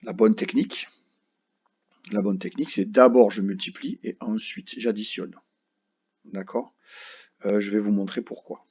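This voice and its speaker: This primary school teacher, a man, guides children through math step by step with patience, often checking comprehension and repeatedly saying "d'accord?". His voice is on the low side, unhurried and a little mellow, slightly rough, and he pauses often. It's captured in a dull, lo-fi recording.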